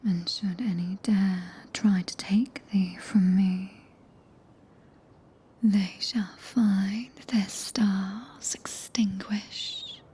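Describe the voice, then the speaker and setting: A British-accented woman whispers breathily near a binaural microphone, voicing a regal, tender, possessive witch for ASMR roleplay and speaking archaic English in a soothing yet commanding way. Her pitch is medium and her tone steady and mellow, the delivery extremely slow and the voice exaggerated.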